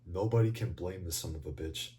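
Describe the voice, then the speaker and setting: A man rambling through a casual, profanity-laced movie review, swinging between excited and mumbling. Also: low-pitched, a little fast. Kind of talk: casual video commentary.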